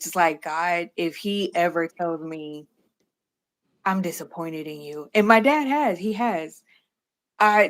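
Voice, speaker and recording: A woman hosts a faith-centered livestream interview. Her voice sits slightly low and she speaks slowly. She tells animated stories and acts out quotes with playful laughter. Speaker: host.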